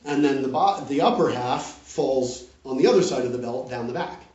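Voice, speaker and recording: A man's voice: mid-range voice, moderate pace, a little mellow. A man leading a casual parish question-and-answer session, explaining patiently and often checking in with "right?". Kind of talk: casual group discussion. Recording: roomy, distant, dull audio.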